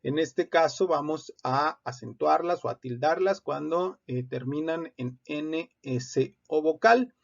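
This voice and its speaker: A man with a gravelly, creaky voice walks through rules as an instructor. He explains steadily and often pauses on "eh". The recording sounds dull and lo-fi. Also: a little high. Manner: explanatory, steady, many "eh" fillers. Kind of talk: recorded legal-writing lesson.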